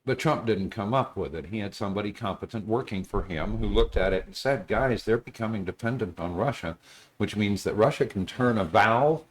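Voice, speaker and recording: A man's voice: on the low side, fairly quick, a little hiss or hum. A man co-hosting a casual political podcast who talks in a blunt, opinionated way. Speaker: podcast co-host.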